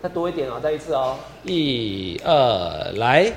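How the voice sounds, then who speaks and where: A man's voice: mid-range voice, big pitch swings, unhurried, a little hiss or hum. Man coaching a choir in a reverberant hall. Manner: counts singers in and sings lines to demonstrate; patient, encouraging, repeats instructions. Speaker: choir director. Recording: long hall reverb with piano behind. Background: piano accompaniment.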